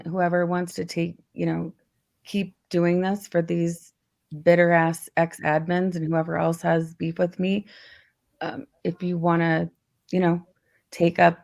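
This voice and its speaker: A woman's voice: lowish voice, gravelly. A woman hosting a casual livestream chat, talking bluntly with plenty of swearing and laughter. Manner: blunt, profane, laughing often. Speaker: host.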